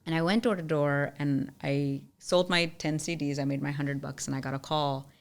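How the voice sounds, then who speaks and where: A young woman telling a personal story as a podcast guest, animated and chatty, leaning on "like" a lot. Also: low voice, moderate pace, vocal fry. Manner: animated storyteller, often says "like". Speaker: podcast guest, musician and entrepreneur. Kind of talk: storytelling in casual interview.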